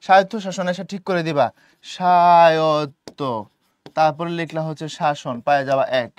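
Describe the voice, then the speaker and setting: High-voiced teacher. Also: male voice, fast talker, no room sound. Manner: colloquial, repeats key points and checks understanding. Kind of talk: online exam-prep lesson.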